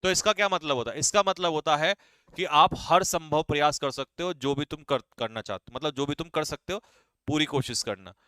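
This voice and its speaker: A man teaching English vocabulary for exam prep, quizzing students briskly and teasing them. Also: a little high, pushed and bright, smooth, dry recording, clean studio sound. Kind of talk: live online exam-prep class.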